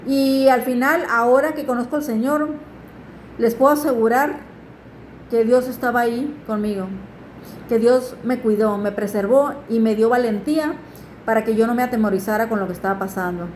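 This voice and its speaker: A woman tells her religious testimony in an earnest, pleading way. Her voice sits a little high, and the room around her gives it a noticeable echo. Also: normal speed, darkish tone, slight background noise. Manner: earnest, pleading with listeners to turn to God. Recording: echoey room.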